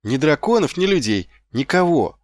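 Man playing an eager young guard recruit, raised voice, rousing, impatient, lively, dry close sound. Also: high voice, normal speed, no room sound, pitched above the performer's own voice.

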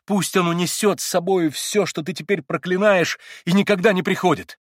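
A man voicing a gentle, compassionate young man in an audiobook, earnest and pleading, with a husky voice. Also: high-pitched, steady tone, normal speed, dry recording, clean studio sound, voice pushed up.

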